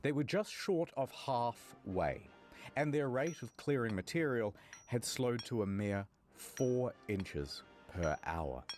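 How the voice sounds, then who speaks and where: A man's voice: medium pitch, animated, takes it slowly, a little mellow, faint music behind. A man narrating a scripted documentary story in a wry storytelling manner.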